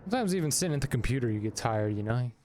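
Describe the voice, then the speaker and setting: A man's voice: medium pitch, lively intonation, rapid-fire, darkish tone, slight background noise. A man casually chatting to his viewers while playing a game, reading and answering chat. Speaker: streamer. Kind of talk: casual live gameplay commentary.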